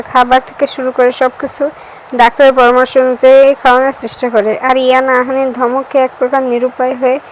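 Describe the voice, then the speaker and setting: A woman reads a romance novel aloud in a high voice that barely moves in pitch. Her delivery is steady and even, the pace of a practiced audiobook reader. A faint background hiss can be heard. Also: low-quality recording. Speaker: audiobook narrator.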